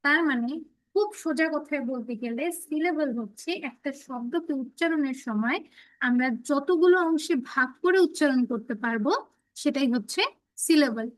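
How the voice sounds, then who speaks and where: A young woman teaches an online class in a high, clear voice, recorded close and dry with no room sound. She explains patiently and reads definitions out very slowly. She keeps calling on students to check that they have followed. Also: dry recording, rough recording. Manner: checks understanding, calls on students. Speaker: English teacher.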